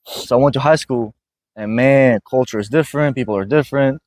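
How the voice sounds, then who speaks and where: A man's voice: mid-range voice, fairly quick, darkish tone, no room sound. Brief: man with a mid-range voice, dry close sound, earnest motivational host. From Iraq. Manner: earnest, repeats "you know what I mean". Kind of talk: casual motivational conversation. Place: gym.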